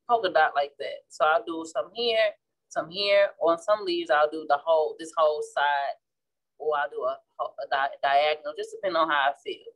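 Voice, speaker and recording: The audio is poor, but the woman's deep voice comes through as she chats casually and paints at an indoor flower shop worktable. In her thirties and from St. Louis, Missouri, she has a Midwestern accent and works as a florist and class instructor, relaxed and restarting often.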